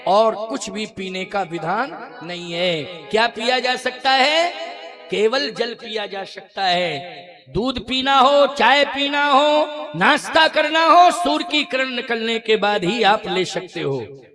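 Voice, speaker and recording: High, bright-voiced man preaching slowly. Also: expressive, soft background music. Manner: exhorting, emphatic, repeats phrases. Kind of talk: devotional sermon with chanted verses.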